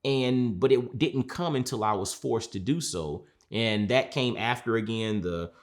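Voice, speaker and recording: A man, a mindset coach from Georgia, talking in a reflective sit-down, earnest and measured, repeating phrases for emphasis. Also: medium pitch. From Georgia, USA.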